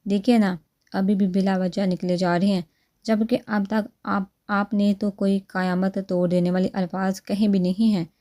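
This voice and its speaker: A woman voices a heartbroken young woman in a romantic storybook. She speaks in a tearful, wistful, bittersweet way, with a mellow, darker tone. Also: mid-range voice, flat delivery, lightly acted.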